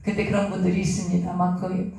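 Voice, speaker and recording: A pastor teaching through a Bible passage in an earnest, conversational sermon style, often pausing on fillers. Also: mid-range voice, completely flat delivery, gravelly, a little mellow. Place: church. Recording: echoey room, voice from a distance.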